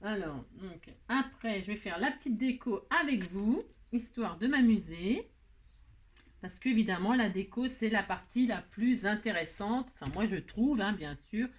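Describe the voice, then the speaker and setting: A woman hosting a crafting tutorial, chatting playfully and talking to herself while she works. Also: mid-range voice. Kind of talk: casual craft tutorial talk.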